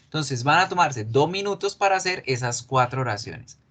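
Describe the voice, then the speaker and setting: A male English teacher giving a class, explaining patiently, repeating key words slowly and asking students questions. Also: medium pitch, lively intonation, a bit bright.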